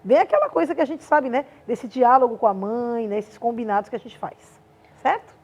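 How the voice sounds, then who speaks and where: A woman teacher explains drama with a fairly high voice that swings widely in pitch. She talks expressively and demonstratively to her class. The sound is dull and lo-fi. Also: animated, fairly quick, darkish tone, breathy edge. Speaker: arts teacher.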